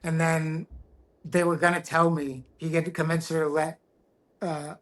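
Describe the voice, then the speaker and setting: A middle-aged man speaks candidly as a podcast guest, his voice sitting a little high for a man. He sounds reflective and earnest, and he often stops and restarts a phrase as he works through a personal story. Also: little pitch movement, moderate pace, fairly bright tone. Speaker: guest, tattoo artist.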